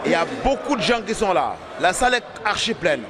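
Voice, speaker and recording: A man's voice: high-pitched, very animated, brisk. A man giving an indignant, pointed vox pop interview at a packed event hall. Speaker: guest at a tribute evening. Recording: loud crowd behind.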